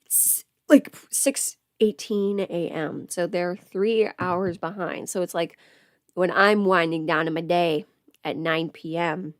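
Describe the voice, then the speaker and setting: Speaking slowly and steadily in a low-leaning voice, the woman comes through clean with no echo, like a studio recording. She's sick with covid at home, hosting a casual livestream as an audio creator, wandering through her thoughts aloud and interrupting herself.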